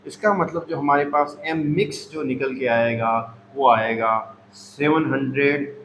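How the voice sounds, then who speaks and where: A man's voice: medium pitch, unhurried. A man teaching a chemistry lesson, talking through each step aloud and repeating himself as he explains. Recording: echoey room with faint noise.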